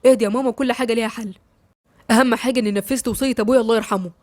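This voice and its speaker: A woman's voice: on the high side, fairly even intonation, racing, a little mellow, no room sound, studio quality, lightly acted. A woman voicing a firm, level-headed young man in Egyptian Arabic, reasoning with his family. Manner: firm, reasoning, sometimes raised.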